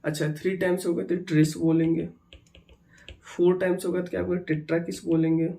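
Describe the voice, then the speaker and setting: A man's voice: fairly high pitch, little pitch movement, fairly quick, vocal fry, dark tone. A man teaching chemistry in an exam-prep lecture, mixing in terms, repeating key words and checking in with the students.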